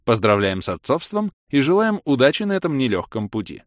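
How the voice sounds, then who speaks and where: A man's voice: mid-range voice, big pitch swings, fairly quick, dry recording, studio quality, pitched above the performer's own voice, close to an everyday voice. A man voicing a formal magical system that announces questions in an official tone.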